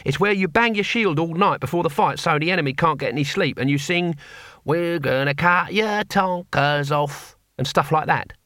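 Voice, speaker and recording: A man voicing an old, blunt male barbarian hero who talks gruffly and cheerfully. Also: on the high side, normal speed, bright, forceful tone, dry recording, clean studio sound, voice pushed up. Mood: boastful.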